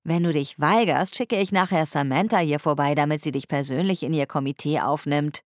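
A woman reading an audiobook, voicing a calm, gently teasing young man who talks slowly and easily. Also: low-pitched, dry recording, studio quality, natural voice.

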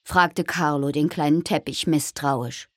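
A woman narrating a children's storybook in a calm, gentle way. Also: sits low, unhurried, no room sound. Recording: faint music behind.

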